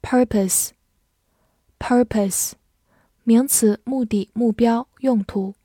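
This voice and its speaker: A woman teacher reviewing English vocabulary, saying each word twice slowly before calmly giving its meanings. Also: on the high side, no room sound, studio quality. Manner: says each word twice slowly, then calm definitions.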